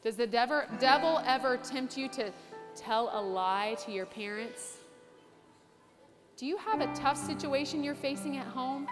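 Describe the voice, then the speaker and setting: A woman leading a children's service at camp, gentle and prayerful, asking the kids questions. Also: sits high, animated, unhurried. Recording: reverberant hall, clear music behind.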